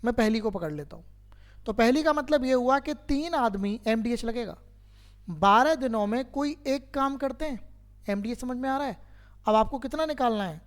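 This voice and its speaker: A man teaching a math lesson to a class, who keeps quizzing his students and patiently repeats each step. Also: extremely high pitch.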